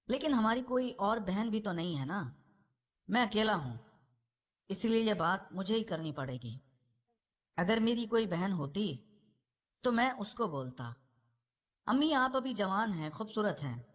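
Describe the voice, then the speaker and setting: Woman reading as a young son in a storybook, earnest and pressing, mid-pitched. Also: lively intonation, pauses often, natural voice. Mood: pleading. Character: young man, a pleading and indignant son.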